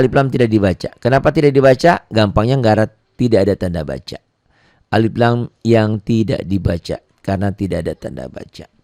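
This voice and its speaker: A man teaching beginners Quran recitation rules, patiently repeating points, asking and answering his own questions, and chanting phrases slowly between plain explanations. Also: lowish voice, dry recording, clean studio sound. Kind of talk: beginner tajwid lesson.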